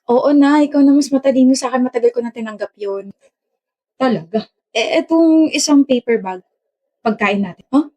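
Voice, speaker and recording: A woman's voice: high-pitched, moderate pace, darkish tone. A woman acting out a bickering, teasing romantic dialogue in a short drama skit.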